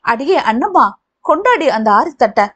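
A woman voicing a feisty old grandmother who quarrels loudly and dramatically. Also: sing-song, highs cut off. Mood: quarreling. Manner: shrill, quarrelsome, quick.

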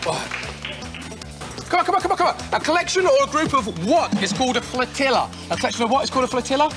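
A young British man hosting a children's game show in an excitable manner, urging the contestants along. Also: very high voice, fast. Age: young adult. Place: large TV studio with game set and audience. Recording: music and audience noise behind voice. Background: music and studio crowd.

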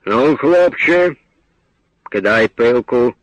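A man voicing an angry armed villager who barks threats and shouts, on a dull lo-fi old radio recording. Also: mid-range voice, animated, slow, dry recording. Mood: menacing.

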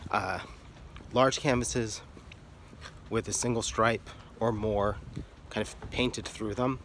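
A man's voice: lowish voice, fairly even intonation, takes it slowly, a bit bright, slight background noise. A man giving casual, frank explanatory talk about art in an offhand, irreverent manner. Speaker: artist and video creator.

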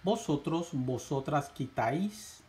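Slow, measured male teacher. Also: a little high, animated, a little mellow. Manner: slow, measured recitation with rising lists. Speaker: Spanish teacher. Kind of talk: slow, drilled verb conjugation lesson.

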